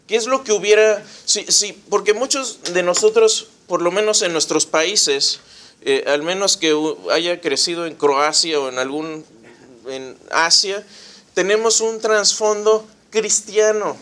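A man's voice: sits high, a bit bright. A man teaching a Bible study class in a conversational way, often asking the group questions. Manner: frequent restarts and fillers. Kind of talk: church class lecture.

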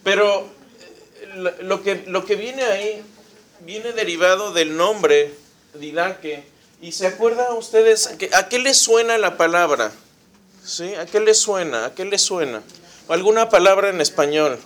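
Man, high voice, Bible class teacher, conversational lecture, questions to the room. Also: measured pace, fairly bright tone. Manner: frequent restarts and fillers.

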